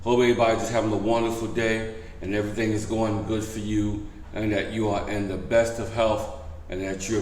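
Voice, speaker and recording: A man's voice: fairly low pitch, a little mellow, slight background noise. A man hosting a vlog, giving a casual update to viewers and repeating key points with emphasis. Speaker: vlog host. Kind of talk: casual news update to camera. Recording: echoey room.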